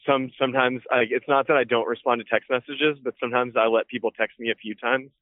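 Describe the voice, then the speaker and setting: A man's voice: medium pitch, steady tone, fast talker, dry recording. A man's voice comes through an old flip phone line, thin and band-limited with a dry, close sound. He talks in a loose, laid-back way, full of fillers and casual swearing. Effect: heard over an old flip phone call. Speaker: guest calling in by phone. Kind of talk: casual chat.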